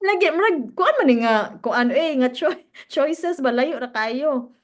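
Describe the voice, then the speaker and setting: Chatty Cebuano woman co-hosting a podcast. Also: high-pitched. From Cebu, Philippines. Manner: chatty, mixes English and Cebuano, laughs often. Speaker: podcast co-host. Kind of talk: casual chat.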